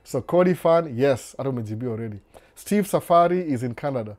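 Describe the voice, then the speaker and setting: On his live stream, a man chats casually in an easy, laid-back, unhurried way, reading viewer comments aloud and answering each one. His voice is mellow and warm, pitched in the middle. He switches between Swahili and English mid-sentence without breaking stride.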